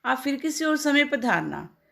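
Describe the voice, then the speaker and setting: A woman's voice: sits high, very animated, gravelly, sharp tone, voice pushed up, exaggerated voice. A woman reading the part of a young husband who dodges a nosy neighbor with excuses and jokes. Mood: evasive. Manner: hurried excuses, light jokes. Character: flustered young husband, evasive and joking.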